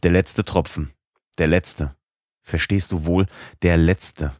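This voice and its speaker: A man's voice: deep voice, fairly even intonation, slow, darkish tone, no echo, studio quality. A man voicing a stern, obsessive old professor uncle in a storybook reading, speaking with hard, urgent insistence. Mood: tender.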